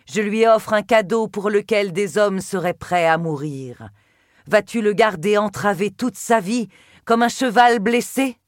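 A woman's voice: mid-range voice, dry recording, clean studio sound, natural voice. A woman voicing a proud, cold, furious goddess in an audiobook, speaking in a cutting, imperious way. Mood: scornful. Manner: cutting, imperious, spits words. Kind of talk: audiobook character voice.

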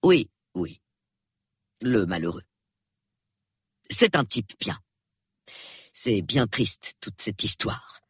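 Tired, evasive old colonel read by a man, low and soft, husky edge, hesitant pauses. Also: sing-song, no echo, clean studio sound, exaggerated voice. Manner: hesitant, mumbling, falsely hearty. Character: weary older colonel, man, forced cheer. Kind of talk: audiobook character voice.

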